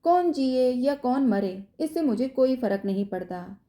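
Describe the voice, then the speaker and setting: A woman's voice: sits high, lively intonation, moderate pace, voice pushed up. A woman playing a defiant young wife. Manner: sharp, defiant, later tearful. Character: angry stubborn young wife.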